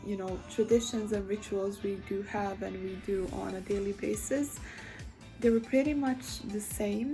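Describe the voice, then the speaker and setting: A chatty young woman from Sarajevo, Bosnia and Herzegovina, whose first language is Bosnian, speaks in a medium-pitched voice on a rough recording. A university student, she delivers a reflective video monologue casually, with frequent fillers and restarts.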